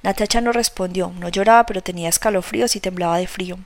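A woman narrating a novel as an audiobook, reading in a measured, steady way. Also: mid-range voice, dry recording.

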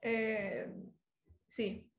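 A woman's voice: a little high, level tone, drawn-out words, highs cut off. A woman in casual chat, rambling and self-mocking, laughing at herself. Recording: echoey room.

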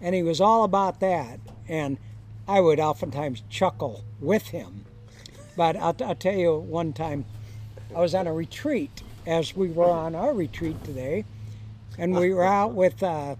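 An older man with a high-set voice tells counselor stories at an unhurried pace, chuckling as he acts out the quoted lines. A faint noise sits under the recording. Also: a little mellow. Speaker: guest, former high school counselor. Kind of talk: storytelling in casual podcast chat.

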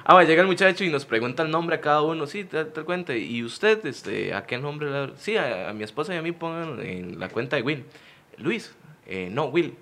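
A man with a Costa Rican accent tells an anecdote in a casual comedy conversation and quotes the back-and-forth. His pitch swings widely as he talks. His tone is bright and sharp. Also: a little fast, hardly any pauses. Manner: relaxed anecdote-teller who quotes dialogue.

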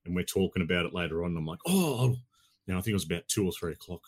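A man's voice: low-pitched, little pitch movement, rapid-fire. A middle-aged Australian man chatting casually as a podcast guest in a laid-back, blokey, matey way. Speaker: podcast guest and gaming podcast host. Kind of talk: casual chat.

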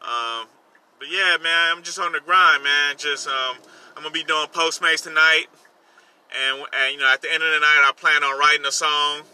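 Behind the wheel, a songwriter runs a solo vlog segment for his personal podcast, speaking informally with slang and plenty of repetition. He has a smooth, sharp voice on the high side, keeping a steady tone at normal speed, while faint car noise hums behind him.

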